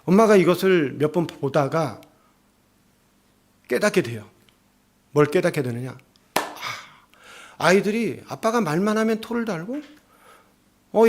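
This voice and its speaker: Male pastor preaching in church, slightly high voice, tells stories and does the voices. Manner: storytelling, acting out family scenes with voices. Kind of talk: sermon.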